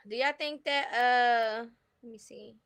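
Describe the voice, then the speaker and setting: Her voice is a little high, smooth and fairly bright, and she talks slowly. She is a livestream host from New York City with a New York accent, casually chatting through blunt, opinionated gossip in slangy language.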